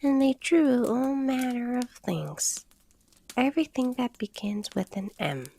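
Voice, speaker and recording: A woman's voice: high-pitched, expressive, slow, a little mellow, a little hiss or hum, pitched above the performer's own voice, heavily acted. A woman voicing a sleepy, touchy little male dormouse in a storybook reading. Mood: sulky sleepy. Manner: drowsy, huffy.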